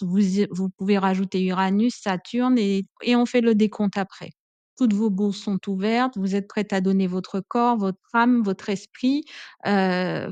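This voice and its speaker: A woman's voice: medium pitch, warm tone, no room sound. A woman giving relationship advice in a chatty, emphatic monologue, full of little asides. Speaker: relationship coach.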